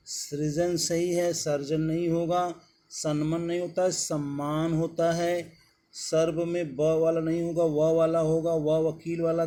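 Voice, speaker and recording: Male tutor, unhurried exam-prep drill voice, slightly raised pitch. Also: a little mellow, slight background noise. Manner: slow, deliberate dictation of words one by one. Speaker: teacher. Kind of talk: exam-prep lesson on spelling.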